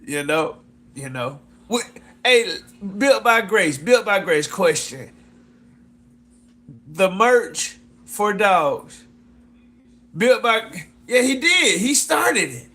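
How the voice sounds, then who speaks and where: Very slow and sing-song, with a high-sitting voice, a sharp tone and frequent pauses, a man promotes his clothing brand during a casual live chat with viewers. The fashion designer rambles repetitively, whoops and laughs, and keeps saying "sis."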